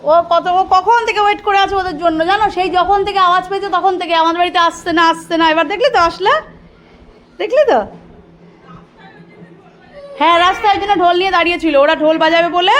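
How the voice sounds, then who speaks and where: A woman's voice: very high-pitched, fairly even intonation, fast, long pauses. A woman filming her crying child at home in a casual family vlog, coaxing and soothing him in repetitive, sing-song baby talk. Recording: loud background noise, home video.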